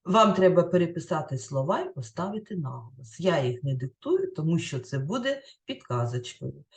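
Woman, teacher, recorded lesson, lively pitch, clear careful enunciation, reads word lists one by one. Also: moderate pace. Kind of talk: recorded classroom lesson over slides.

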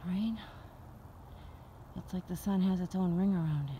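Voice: medium pitch, fast talker, warm tone, a little hiss or hum. A vlogger outdoors, out of breath, musing in wonder while filming the sky on a handheld phone. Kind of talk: casual spiritual musing. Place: outdoors under the open sky. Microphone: handheld phone camera.

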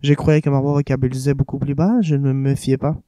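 A man's voice: medium pitch, level tone, brisk, dark tone, no echo, lightly acted. A man voicing a chatty, giddy young woman who gushes about her singing. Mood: gushing. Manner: chatty, gushing.

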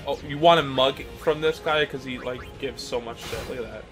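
Young man, let's play co-host, mid-pitched, joking, playful, loud game music behind. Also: steady tone, brisk. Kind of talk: casual gameplay chat.

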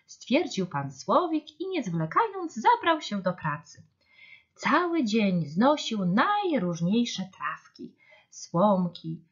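A woman reading children's stories aloud in an animated, expressive way. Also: mid-range voice, husky. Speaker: storyteller. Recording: dull lo-fi storybook reading.

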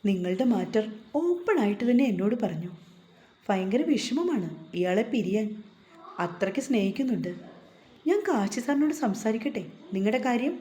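A woman voicing a calm, kind young man who speaks gently and reassuringly. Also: medium pitch, moderate pace, lightly acted. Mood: gentle. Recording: echoey room.

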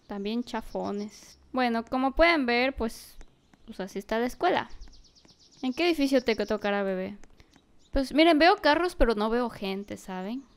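A woman giving animated let's-play commentary, talking to a baby character and often yelling and laughing. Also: on the high side, a little slow, smooth. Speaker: gaming youtuber.

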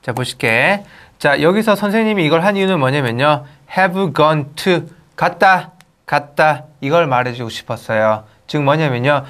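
A man teaching English grammar in an online lecture, firing rhetorical questions at his students, stressing key points in bursts and reading English example sentences slowly and carefully. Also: on the high side, lively intonation, a bit bright.

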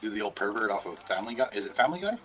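Lively low-voiced joking man, faint music. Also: rapid-fire, dull audio. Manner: joking, keeps trying out cartoon impressions. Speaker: streamer playing an online game with friends. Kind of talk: casual gaming chat.

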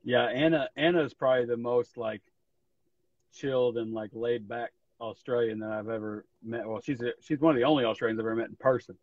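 A man guest on an interview tells stories in a laid-back, easy way with plenty of "like". His voice sits at an everyday middle pitch. The sound comes through muffled, lo-fi livestream audio. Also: brisk, darkish tone, no room sound. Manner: laid-back storytelling, peppered with "like". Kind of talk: casual chat.

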